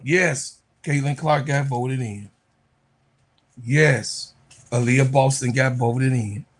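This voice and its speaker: A man's voice: medium pitch, steady tone, takes it slowly. A man co-hosting a podcast, arguing heatedly about basketball with emphatic, repetitive, preachy points. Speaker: podcast co-host. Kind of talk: heated sports debate.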